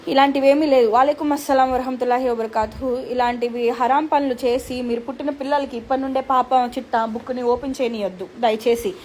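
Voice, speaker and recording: Young woman host, Telugu accent, high-pitched, casual earnest chat, phone mic, slight background hum. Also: fairly even intonation, brisk, hardly any pauses, darkish tone, low-quality recording. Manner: earnest, conversational, with code-switching to English. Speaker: host reading viewer comments.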